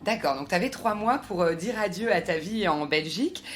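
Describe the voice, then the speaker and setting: A woman with a French accent hosting a podcast, reading a measured scripted intro and then chatting with her guest. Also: fairly low pitch, lively intonation. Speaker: podcast host.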